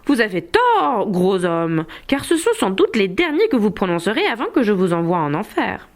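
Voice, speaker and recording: A woman's voice: medium pitch, sing-song, moderate pace. A woman reading aloud, voicing a cocky young male knight who taunts his opponent cheekily. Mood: taunting.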